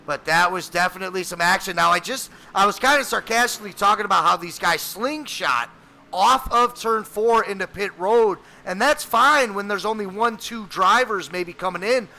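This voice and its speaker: A man doing sim racing play-by-play as race commentator, energetic and chatty, with a voice that cracks now and then. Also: sits high, normal speed, creaky.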